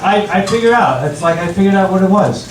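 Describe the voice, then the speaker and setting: An older man performing stand-up comedy in front of an audience, telling stories with halting restarts and repeated phrases. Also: sits high, expressive. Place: room with an audience, recorded from a distance. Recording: roomy, distant mic, very noisy.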